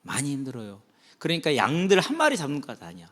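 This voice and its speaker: A man preaching a sermon to students as their pastor, animated, swinging between soft low passages and loud high ones. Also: fast. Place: church sanctuary. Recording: long hall reverb.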